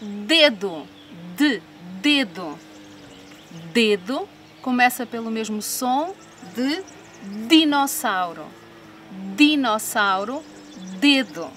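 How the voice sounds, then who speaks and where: Woman, European Portuguese accent, children's phonics teacher, high voice, a bit off-mic with faint hiss. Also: animated, slow pace, long pauses, a bit bright, far from the mic. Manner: sounds out each first sound and repeats word pairs. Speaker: library storyteller leading a children's sound game. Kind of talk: slow, clear phonics lesson for young children. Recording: faint noise, voice a little off-mic.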